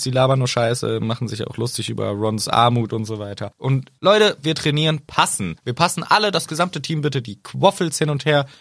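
A man co-hosting a podcast, casually chatting as he retells a book chapter with quick asides. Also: mid-range voice, no room sound, studio quality. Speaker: podcast co-host. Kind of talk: casual chat recapping a book.

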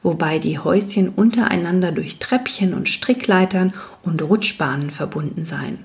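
A woman reading a fantasy storybook aloud as narrator, in a calm, even storytelling manner. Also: lowish voice. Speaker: audiobook narrator.

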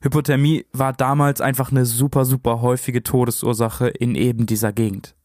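A man's voice: medium pitch, level tone, brisk, a little mellow, no room sound, studio quality. A man telling stories as a podcast co-host, in a conversational narrating style.

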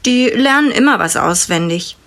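A woman's voice: a little high, animated, moderate pace, a bit bright, voice pushed up. A woman voicing a serious young boy who leads his friends, in a storybook reading. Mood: earnest. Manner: earnest, mock-bored.

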